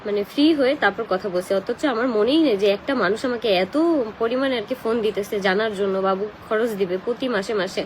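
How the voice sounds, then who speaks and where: A woman's voice: medium pitch, brisk, a little hiss or hum, poor audio. A young woman with a Bangladeshi accent, crying and emotional as she chats casually on a live stream and answers comments. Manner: tearful, emotional, crying talk. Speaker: live streamer who does paid promotions.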